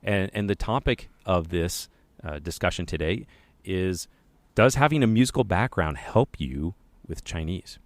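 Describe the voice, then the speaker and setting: A man co-hosts a podcast in a low, dry-sounding voice. He is upbeat and enthusiastic, chatting casually and leaning on fillers like "uh" and "you know.". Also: lively intonation, measured pace, no room sound. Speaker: podcast co-host. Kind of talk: casual chat.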